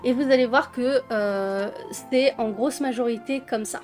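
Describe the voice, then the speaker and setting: Chatty high-voiced French woman. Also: measured pace, a little mellow, faint music behind. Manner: chatty, with frequent fillers and diminutives. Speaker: YouTuber presenting coloring books. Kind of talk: casual flip-through vlog.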